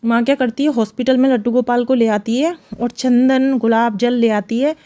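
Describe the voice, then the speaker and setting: A woman's voice: a little high, fairly even intonation, moderate pace, dark tone. A woman narrating a devotional true story in an earnest manner, voicing the characters' lines within her telling. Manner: earnest, retelling with quoted dialogue.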